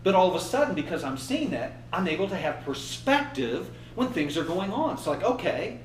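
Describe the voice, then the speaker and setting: Brief: lively man in his fifties, trainer leading a workshop, echoey room, mic a bit distant. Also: high voice, a little fast, faint music behind. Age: 50s. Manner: animated, acts out inner voices and laughs. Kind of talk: motivational workshop talk.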